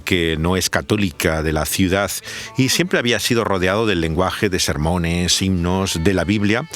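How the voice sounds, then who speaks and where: A man hosting a reflective radio program, speaking in a measured, thoughtful way with frequent pauses. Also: low voice, a bit bright. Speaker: radio host. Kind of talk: reflective radio talk on scripture and music.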